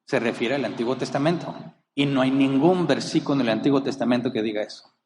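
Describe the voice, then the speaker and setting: A man's voice: mid-range voice, quick pace, a little mellow, long reverb tail, a little hiss or hum. A man preaching a sermon as a pastor, emphatic, rising and falling, asking rhetorical questions. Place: church.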